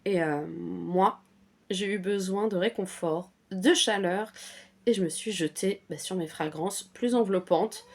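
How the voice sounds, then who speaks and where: A woman's voice: mid-range voice, unhurried. Chatty woman reviewing perfumes. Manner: chatty, with many fillers and restarts. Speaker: perfume vlogger. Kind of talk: casual chat.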